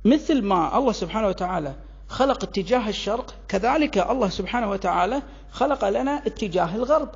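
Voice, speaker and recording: Gravelly, husky Kuwaiti-accented speaker explaining word roots. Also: medium pitch, darkish tone, dull audio. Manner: rhetorical, poses questions and answers them, breaks in with "wait, wait". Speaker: language commentator. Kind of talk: explanatory monologue on word origins.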